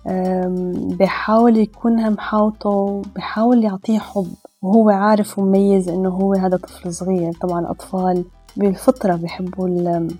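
A woman, telling a personal story in a reflective, hesitant way with pauses and fillers. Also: medium pitch, flat delivery, mellow, slightly rough, soft background music. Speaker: storyteller guest.

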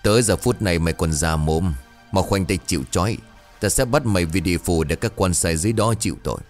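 Brief: man doing a commanding exorcist, low and firm, in a spoken horror tale. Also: big pitch swings, a little fast, darkish tone, faint music behind. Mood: stern. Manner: stern, commanding. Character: stern middle-aged male exorcist.

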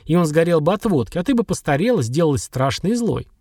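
A male reader playing a young ex-soldier stuck in a wheelchair, bitter and blunt. The voice has a gravelly grain and lively rises and falls. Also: fairly high pitch, fast, no room sound, studio quality. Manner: bitter, blunt, then apologetic. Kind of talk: audiobook dialogue.

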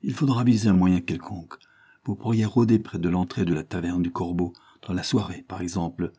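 A man voicing a calm, grave lawyer. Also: low voice, slightly rough. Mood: calm, firm. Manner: measured, counselling, grave. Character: calm, firm middle-aged male lawyer.

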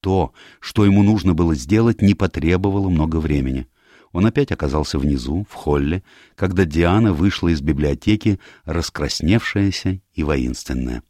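A man narrating an audiobook in a calm, even storytelling manner. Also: deep voice, moderate pace, no echo, clean studio sound. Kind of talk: scripted narration.

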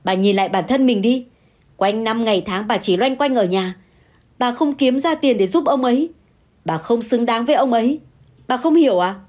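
A woman voicing a shrill, tearful young mistress. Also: normal speed, close to an everyday voice. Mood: scornful yelling. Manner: shouting, wailing, pleading.

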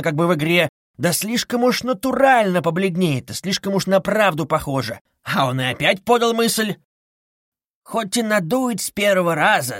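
A man's voice: fairly high pitch, fairly bright tone, no room sound, clean studio sound. A man voicing a sly, fawning middle-aged male investigator who wheedles and needles with ingratiating asides. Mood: sly wheedling.

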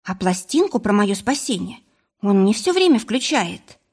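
A woman reading a frightened young woman who speaks anxiously in a husky voice. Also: medium pitch, big pitch swings, normal speed, darkish tone. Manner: anxious, tense.

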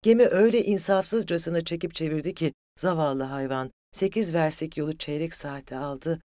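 An audiobook narrator reading a literary story in an even, steady way. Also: medium pitch, normal speed, no room sound, clean studio sound.

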